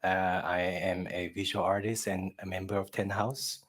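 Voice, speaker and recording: A man's voice: deep voice, little pitch movement, normal speed, slightly rough. Hesitant man from Taiwan on a panel. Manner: hesitant, many fillers and restarts. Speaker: visual artist, collective member. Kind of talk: casual panel talk.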